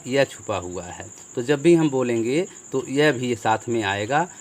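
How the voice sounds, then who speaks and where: A man with an average-pitched voice teaches a grammar lesson at an easy, patient pace. He drills sounds one at a time, putting questions to his class and answering them himself. Crickets chirp faintly in the background. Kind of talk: explaining Hindi grammar lesson.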